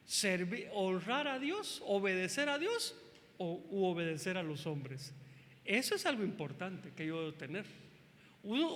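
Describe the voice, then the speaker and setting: A man preaching as pastor at a family church service, emphatic and animated, addressing the congregation with questions. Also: high voice, big-room sound.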